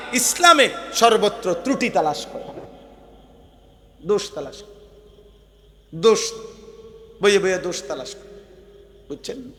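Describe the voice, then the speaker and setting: Impassioned high-voiced preacher with hall reverb. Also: male voice. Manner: impassioned, swings between loud declaiming and soft asides, acts out mocking voices. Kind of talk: Bengali waz sermon.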